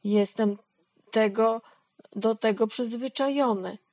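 An obliging male horse from a children's storybook, keen to lend his back, voiced by a woman reader. He speaks slowly and persuasively. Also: on the high side, darkish tone. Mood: helpful. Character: helpful eager male horse.

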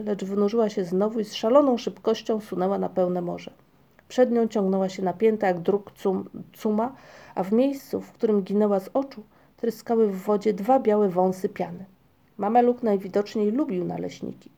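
A woman reads a children's tale aloud at a measured pace. Her voice is very dark and mellow, with a gravelly fry under the words. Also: medium pitch. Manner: measured storytelling. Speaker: audiobook narrator. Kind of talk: scripted narration.

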